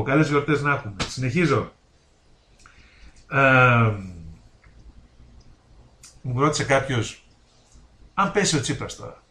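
A man hosting a daily political commentary show, talking straight to viewers in a folksy, indignant way that climbs toward shouting. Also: fairly high pitch, reverberant. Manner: indignant, rising to near-shouting at points; folksy, addresses viewers directly.

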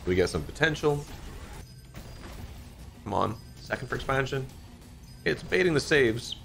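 A man in his thirties giving casual, excitable commentary while playing an online slot game, often swearing and jumping up in pitch at big moments. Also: a little slow, vocal fry, faint music behind. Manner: excitable, swears a lot, frequent pitch jumps. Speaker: slot streamer. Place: dim home streaming room, indoors.

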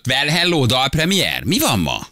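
A man hosting a morning radio show, loud and playful, teasing his co-hosts. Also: medium pitch, huge pitch swings, noisy background. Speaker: radio host. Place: radio studio. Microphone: studio microphone.

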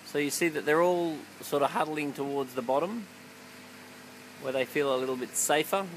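A man, an aquarium keeper giving a relaxed, offhand explanation with fillers. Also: a little high, normal speed, slight background noise, low-quality recording. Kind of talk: casual on-site explanation.

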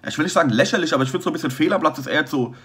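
A man's voice: a little high, very fast, a bit bright. Rambling German man reviewing rap. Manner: rambling, joking, restarts often while judging. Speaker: host reacting to rap battle entries. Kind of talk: casual reaction commentary.

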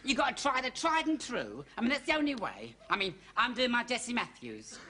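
An actor playing a camp army concert-party performer in a TV sitcom, who insists on the tried and true. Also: male voice, very high voice, sing-song, fairly quick, bright, forceful tone, a little hiss or hum, exaggerated voice. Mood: insistent. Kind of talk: 1970s TV sitcom acting.

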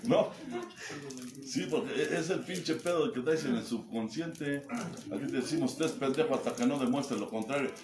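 A man's voice: medium pitch, normal speed. A man with a Mexico City accent, a group sponsor giving a crude, mocking, joking testimony and acting out the voices he quotes. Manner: foul-mouthed, mocking, acts out quoted voices. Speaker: sponsor speaking at a recovery group meeting. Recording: echoey room with background noise.

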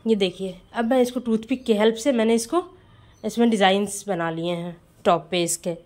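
A woman's voice: medium pitch, normal speed, a little mellow. Chatty woman baker narrating a tutorial. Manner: chatty, friendly, addresses viewers as friends. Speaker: home baker teaching cake decorating. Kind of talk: casual voice-over tutorial.

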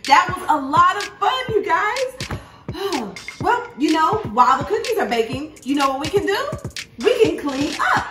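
A woman's voice: extremely high pitch, big pitch swings, moderate pace, far from the mic. A woman in her thirties chatting playfully with a child as a children's show host, exclaiming, in a home kitchen. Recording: echoey room with music behind.

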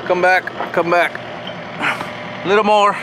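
A man with a high voice, level tone and measured pace chats casually and jokingly while doing hands-on work on machinery. This vlogger is outdoors in a gravel yard beside a metal shop building, and the camera audio is noisy, with machinery humming.

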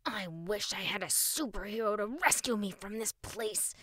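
A woman's voice: mid-range voice, moderate pace, fairly bright tone, no echo, lightly acted. A woman doing a whiny, tantrum-throwing boy. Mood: sulky.

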